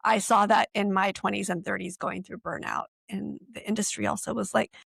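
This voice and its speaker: A woman in her late forties, a guest on a podcast, speaking in an upbeat, animated way. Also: mid-range voice, brisk, gravelly, slightly rough, no room sound. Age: 40s. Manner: upbeat and animated, quoting others with lively emphasis. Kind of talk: casual podcast conversation.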